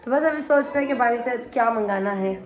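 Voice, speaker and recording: A woman's voice: a little high, fast talker. A woman talking chattily to her viewers in a casual home vlog, filmed on a phone. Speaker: vlogger. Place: home with guests. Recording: busy room with children's noise. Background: children playing and guests chatting.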